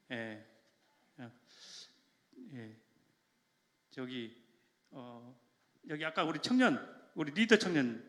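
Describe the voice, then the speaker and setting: A man, a church elder, leading a joking, energetic evangelism rally and shouting chants to a congregation in a large church. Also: on the high side. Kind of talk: lively rally talk to a congregation. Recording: echoey church hall.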